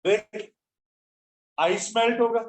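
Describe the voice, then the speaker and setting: High-voiced stern teacher lecturing a class. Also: male voice, takes it slowly, poor audio. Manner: stern, lecturing students, calls them beta. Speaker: physics teacher. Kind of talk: classroom lecture, scolding then explaining.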